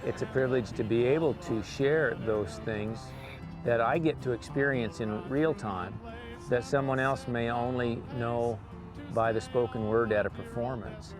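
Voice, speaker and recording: A mature man speaks as a working cowboy in a reflective interview. His voice sits at a medium pitch, with music clearly playing underneath. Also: unhurried.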